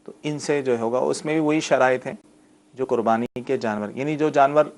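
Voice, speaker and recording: A man serving as the mufti on a religious TV call-in show, who explains rulings patiently and slowly spells out the correct pronunciation. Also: medium pitch. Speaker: mufti answering callers' religious questions.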